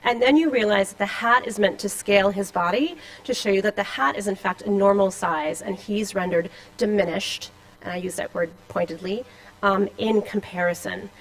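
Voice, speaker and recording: Conference speaker, woman, slight Boston accent, gravelly, scholarly with offhand asides. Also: mid-range voice, normal speed, poor audio. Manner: scholarly, reading a paper with asides and fillers. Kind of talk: academic conference talk. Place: lecture room with slides.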